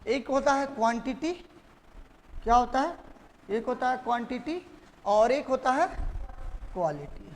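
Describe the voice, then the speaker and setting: A man's voice: extremely high pitch, lively intonation, measured pace, long pauses, slight background noise. A male teacher giving a classroom lecture, repeatedly quizzing his students and having them echo the key terms. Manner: drilling students with repeated questions. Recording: classroom with long reverb.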